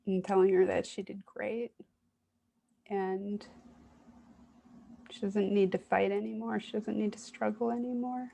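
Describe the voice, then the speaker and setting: Slow, gentle woman with a creaky voice. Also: medium pitch, flat delivery, a little hiss or hum. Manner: gentle, soothing, hesitant with pauses. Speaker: IFS parts work demonstrator. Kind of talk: reflective self-guided therapy demonstration.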